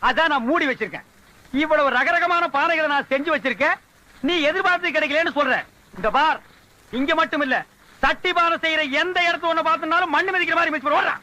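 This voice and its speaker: A man's voice: very high voice, fast, sharp tone, exaggerated voice, low-quality recording. An actor playing a boastful village potter who lectures a customer while he shows off his pots, in a film comedy scene. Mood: scolding. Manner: lecturing, rambling sales talk. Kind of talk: Tamil film comedy acting.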